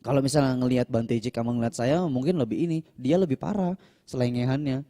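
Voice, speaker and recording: A young man, speaking as a monk who answers questions in a relaxed, chatty way. His voice is very dark and mellow, at a middle pitch. He speaks without a microphone, so he sometimes comes through quieter. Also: quick pace. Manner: chatty, acts out quoted people with raised pitch. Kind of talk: casual storytelling in a Q&A talk.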